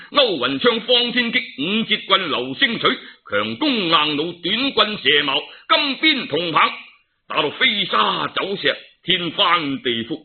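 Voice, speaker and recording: A man with a Cantonese accent telling a traditional tale in a dramatic, theatrical and colloquial storytelling style, full of exclamations. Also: high voice. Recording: narrow, tinny phone-like sound.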